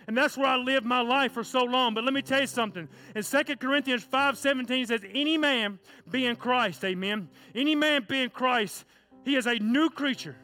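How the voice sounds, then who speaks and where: This time the children's pastor's voice is extremely high, moving at a moderate pace through a sermon and a closing prayer. His fervent preaching turns to loud, passionate shouting, stomping and crying at its height, with gentle guitar in the sanctuary background.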